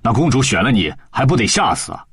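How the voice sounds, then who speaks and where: A man's voice: medium pitch, sing-song, fast, a bit bright, slightly rough, dry recording, clean studio sound, exaggerated voice. A man voicing a blunt, teasing male monk in an audiobook, exasperated with his brother. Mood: mocking. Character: blunt sharp-tongued young monk, male. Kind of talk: storybook audiobook voice acting.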